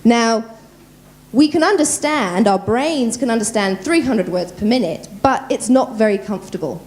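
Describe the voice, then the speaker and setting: A woman voice coach giving a lively workshop at a conference, talking quickly and quizzing the audience. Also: a little high. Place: conference room.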